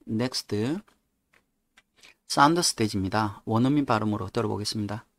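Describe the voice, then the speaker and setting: A man teaching English word origins, explaining them in a plain, unhurried way with frequent fillers. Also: fairly low pitch. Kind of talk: explaining vocabulary in Korean.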